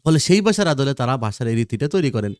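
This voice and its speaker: A very animated man with a darkish, mid-range voice speaks quickly in a dry, studio-quality recording. His video grammar lesson for school has him repeat key ideas, question the class, and answer those questions on his own.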